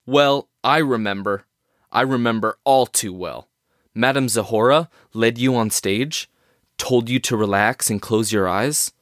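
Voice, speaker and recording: A rattled male scientist played by an actor in an audio drama, wordy and emphatic. His mid-pitched voice is recorded dry, with theatrical, formal diction and a skeptical edge. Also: a little slow, fairly bright tone, no echo, close to an everyday voice. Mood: grave, dramatic recounting.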